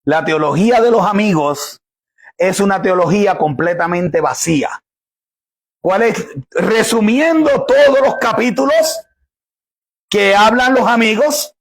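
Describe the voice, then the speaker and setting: A man preaching a sermon, emphatic and conversational, often restarting and repeating his words. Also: high voice.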